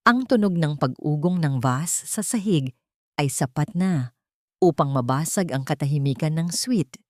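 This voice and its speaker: Reading a dramatic scripted tale for an audiobook, a Filipino-accented woman uses a deep, slightly mellow voice. The studio recording is clean, with no room sound at all.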